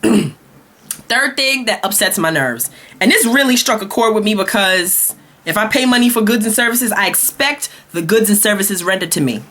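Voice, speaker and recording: A woman's voice: medium pitch, moderate pace. A young woman from Brooklyn with a Brooklyn accent, delivering a sassy, exasperated comedic rant as a vlogger. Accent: Brooklyn New York. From Brooklyn, New York. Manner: sassy, animated, exasperated ranting.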